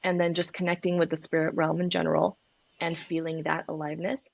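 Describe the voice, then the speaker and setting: A woman's voice: deep voice, little pitch movement, fairly quick, vocal fry, poor audio. A woman from Peru, a sex and relationship coach, talking frankly and passionately as a podcast guest. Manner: candid, passionate, frank with swearing. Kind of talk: podcast interview.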